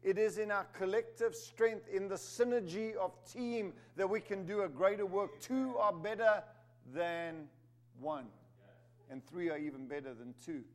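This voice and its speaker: In an unhurried, high-pitched voice, a Zimbabwe-born preacher who was raised in South Africa delivers an emphatic sermon. He lifts his voice on important words and slips in funny asides.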